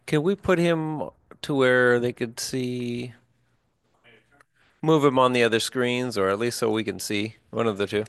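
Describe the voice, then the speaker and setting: A man who is a fire chief, briefing a board meeting in a measured, informative way. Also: mid-range voice, steady tone, clear, resonant tone, dry recording. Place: public meeting room.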